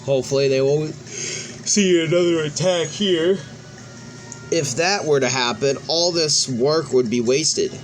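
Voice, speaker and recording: Reading game cutscene dialogue at a measured pace, this let's play host occasionally stumbles and starts words over. His voice is fairly high, with background music behind it in a rough recording.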